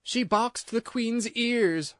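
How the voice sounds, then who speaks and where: Male narrator doing storybook rabbit, timid, high hushed thin voice, nervous, anxious, close dry sound. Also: no echo, full character voice. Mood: frightened gossip. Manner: nervous, hurried, frightened.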